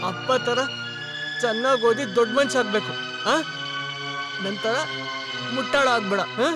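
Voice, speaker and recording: A man's voice: very high-pitched, measured pace. An actor dubbing a down-on-his-luck younger brother who is drunk and rambles, repeating himself, in a dubbed film. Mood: drunk, rambling. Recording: loud film score behind. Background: music.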